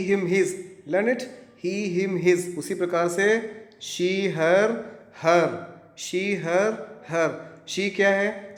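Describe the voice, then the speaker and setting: A male teacher with an Indian accent, his voice set a little high, works slowly through word lists in a grammar lesson. He repeats each item and keeps asking whether it has sunk in. The sound rings around an echoey room. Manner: drills by repetition, checks understanding.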